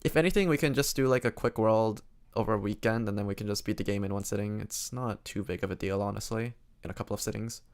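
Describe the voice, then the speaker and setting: A man streaming games, chatting casually in a quiet, low-energy way as his voice starts to go hoarse. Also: fast, few pauses. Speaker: game streamer.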